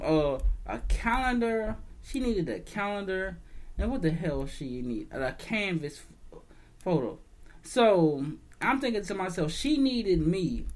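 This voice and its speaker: A man's voice: sits high, a little mellow. A young man, a store manager, telling a work story in a casual, profane, exasperated rant.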